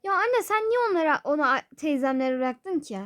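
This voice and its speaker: A woman's voice: high-pitched, animated, moderate pace. A woman voicing a whiny young daughter in a toy-game role-play, complaining to her mother.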